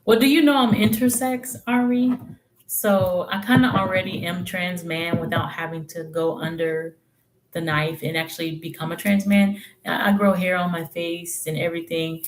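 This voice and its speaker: Against a noisy background, a woman with a voice on the low side reads tarot live at normal speed, her tone steady. Her chatty, slangy, candid talk drifts into hums and trailing phrases while she thinks aloud during the casual stream.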